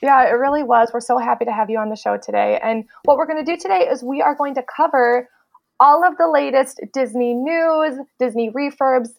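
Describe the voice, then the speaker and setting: Host: upbeat woman, high voice with a gravelly fry, relaxed chat. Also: fairly quick. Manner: upbeat, conversational. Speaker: podcast host. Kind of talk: casual podcast chat.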